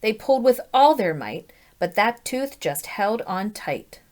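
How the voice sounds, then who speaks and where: This woman reads a children's story out loud like a teacher would, quizzing her listeners as she goes. Her delivery is animated and deliberate, her pitch medium.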